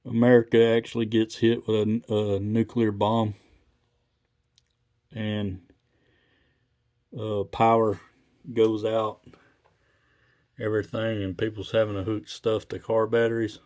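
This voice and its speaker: A man talking casually and haltingly as a radio hobbyist, in a laid-back, folksy, rambling way. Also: fairly low pitch, level tone, a little mellow. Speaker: radio hobbyist video maker.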